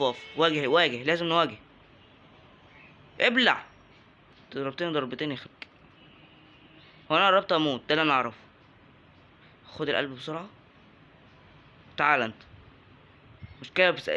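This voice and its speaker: A young man with an Egyptian Arabic accent gives let's-play commentary in a bright, sharp, slightly high voice. He talks casually and jokes with his viewers. He breaks into excited yelps when enemies attack. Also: fast talker, long pauses, dull audio. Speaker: gaming YouTuber.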